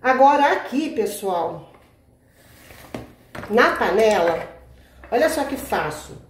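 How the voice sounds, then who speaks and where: A Brazilian woman's voice, on the high side with big pitch swings, moves slowly through a home cooking tutorial for her cooking channel. Chatting casually, she says "tá?" constantly and calls the viewers "gente," checking in every few words. She's off-camera in an indoor home kitchen, recorded on the camera mic in an echoey room with a little hiss or hum.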